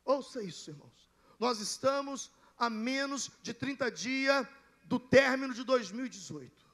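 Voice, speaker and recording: A man's voice: extremely high pitch, animated, measured pace, fairly bright tone. A male pastor preaching a sermon, telling the story and building to emphatic declarations.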